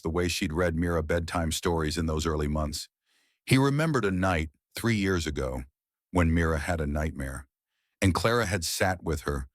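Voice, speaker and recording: A man narrating a family drama story in a measured, dramatic way. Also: low-pitched, no room sound, clean studio sound. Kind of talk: scripted narration.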